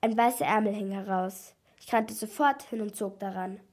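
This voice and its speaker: A woman reading a children's detective story aloud, lively and lifting her voice for the characters' lines. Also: medium pitch, normal speed. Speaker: narrator. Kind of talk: scripted storybook narration.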